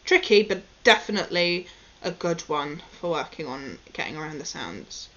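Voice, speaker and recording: A woman's voice: low voice, expressive, normal speed, a bit bright. A woman talking casually and informally to a recording as she works through articulation exercises, commenting on her own attempts. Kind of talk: casual self-recorded practice commentary with tongue twisters. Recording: dull, lo-fi sound.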